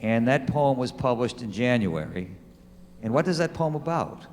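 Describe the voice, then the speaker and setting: Male lawyer, measured questioning, echoing courtroom. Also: medium pitch, sing-song, a little mellow, slight background noise. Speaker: attorney. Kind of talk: courtroom examination in a mock trial. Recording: long hall reverb.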